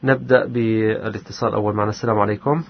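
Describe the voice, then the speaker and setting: A man's voice: fairly low pitch, fairly even intonation, very fast, gravelly, slight background noise. A man hosting a religious call-in radio programme, formal and courteous in his address. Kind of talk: formal broadcast presenting in Arabic with short replies to callers. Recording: slightly muffled radio broadcast.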